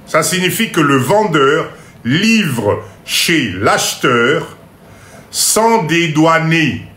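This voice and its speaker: A man giving a live class on import-export, going slowly, repeating each point, checking that everyone follows, and joking about his own English. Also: on the high side, sharp tone, echoey room. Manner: mixes in Lingala phrases and jokes about his English. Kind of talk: live online lesson.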